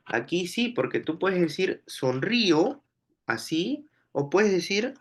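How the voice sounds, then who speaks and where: A man's voice: sits high, big pitch swings, unhurried. A man teaching a language lesson, working through exam questions aloud and thinking as he goes. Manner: explanatory, thinks aloud while solving. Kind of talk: explaining exam questions on phonology.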